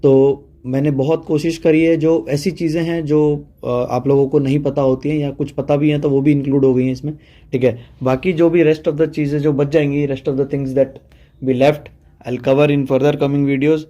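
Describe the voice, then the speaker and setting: A man's voice: on the high side, flat delivery, moderate pace, mellow, dull audio. A man giving a casual online vocabulary lesson, chatty and full of fillers, checking in often with his listeners. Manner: chatty, mixes Hindi and English, says "ठीक है" often. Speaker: teacher.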